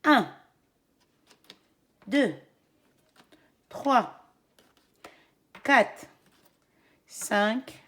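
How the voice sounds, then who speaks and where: A woman's voice: on the high side, animated, drawn-out words, long pauses, bright, forceful tone. A woman teaching young children like a kids show host, leading a counting game in an encouraging, singsong, didactic way. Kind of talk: educational demonstration addressed to young children.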